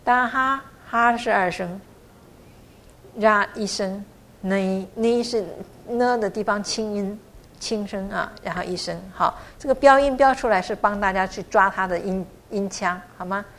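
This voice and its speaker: A woman teaching pronunciation, repeating syllables slowly and explaining their tones. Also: medium pitch, fairly bright tone. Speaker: language teacher. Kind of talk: pronunciation lesson.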